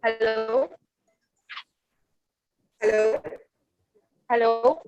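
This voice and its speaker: Woman presenter on a glitchy, breaking video call, slow and dark-toned. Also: a little high. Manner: repeating hello into a failing connection. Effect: glitchy breaking video-call audio. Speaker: conference presenter. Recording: dull distant call line.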